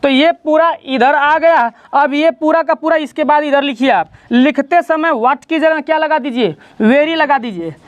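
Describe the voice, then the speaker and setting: A man's voice: extremely high pitch, unhurried, few pauses, no room sound. A man teaching a grammar lesson in a classroom, explaining step by step and quizzing his students as he goes. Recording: dull lo-fi sound.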